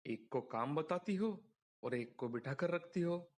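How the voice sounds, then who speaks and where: A man's voice: fairly high pitch, lively intonation, a little slow. A man voicing an earnest young son who pleads with his mother for fairness. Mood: pleading.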